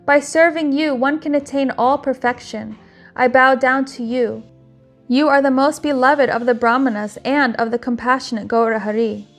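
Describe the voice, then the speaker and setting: A woman's voice: high-pitched, fairly even intonation, normal speed, soft background music. A woman voicing a repentant male priest in a scripture reading, humble and reverent.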